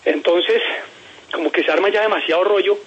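A man's voice: high voice, brisk, fairly bright tone, breathy edge, lo-fi sound. A man telling a personal story in an interview, emphatic and repeating words as he quotes people.

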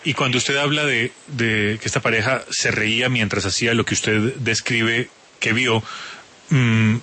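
A man's voice: medium pitch, steady tone, measured pace, bright, forceful tone. A man interviewing a guest on the radio, pressing her with pointed questions and sometimes stumbling over his words.

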